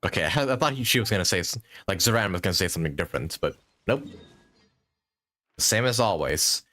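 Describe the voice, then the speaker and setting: A game livestreamer with a low, bright, forceful voice provides casual live commentary on his gameplay. He speaks animatedly and fairly quickly, thinking aloud informally and repeating short phrases.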